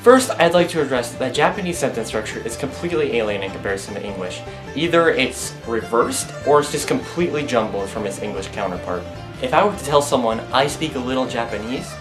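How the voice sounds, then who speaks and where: A man's voice: medium pitch, expressive, fairly quick. A young man presenting a comedic explainer video in a dry, sarcastic, self-mocking way. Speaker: student presenter. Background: music.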